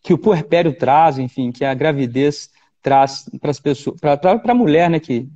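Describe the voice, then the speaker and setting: A Brazilian man tells a courtroom story in a high voice with a mellow tone, stumbling into repeated words and fresh starts. The sound is dull and lo-fi. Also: measured pace. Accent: Brazilian Portuguese. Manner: animated storyteller, frequent repetitions and restarts. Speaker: defense lawyer, guest. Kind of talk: storytelling interview.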